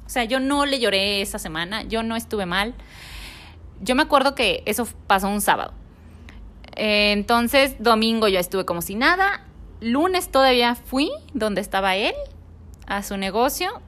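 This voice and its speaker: A woman's voice: on the high side, a bit bright. Mexican woman telling a personal story. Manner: acts out the quoted dialogue in her story.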